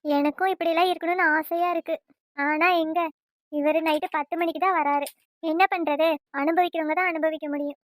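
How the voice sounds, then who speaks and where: Cartoon: a woman as an envious elder sister-in-law, wistful muttering, high dry read. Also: fairly even intonation, fairly quick, no room sound.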